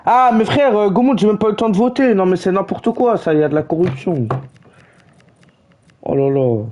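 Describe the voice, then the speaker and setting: A man with a high, mellow voice runs a game livestream, calling the match in a mock commentator style. He talks in slangy, teasing bursts of mock outrage at his friends. A faint hum of noise sits under his voice. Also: animated, fairly quick, low-quality recording. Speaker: streamer.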